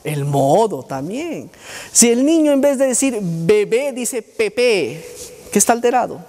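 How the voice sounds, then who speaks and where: A man's voice: sits high, sing-song, a little slow, warm tone. Male lecturer, quizzing and demonstrating sounds, reverberant hall. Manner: quizzes the audience and demonstrates speech sounds aloud. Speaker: speech therapist giving a university lecture. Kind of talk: lecture to students.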